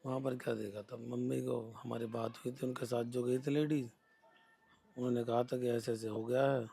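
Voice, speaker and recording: A man answers a reporter in a field interview, faltering and repeating himself. His voice is husky and gravelly, and he speaks in a flat, level tone. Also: medium pitch, normal speed. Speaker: interviewee, son.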